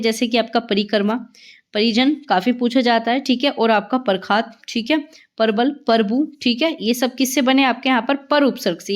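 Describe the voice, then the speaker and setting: A woman teaching an exam-prep grammar lesson, asking and answering her own questions and often saying "ठीक है". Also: on the high side.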